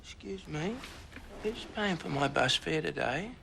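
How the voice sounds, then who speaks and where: A man's voice: a little high, lively intonation, measured pace, vocal fry, pushed and bright, slight background noise, full character voice. An actor playing an agitated male Australian pensioner on methadone, a witness in court who rambles indignantly and keeps saying "mate". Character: agitated scruffy male pensioner addict witness, cocky and evasive. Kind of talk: film drama acting.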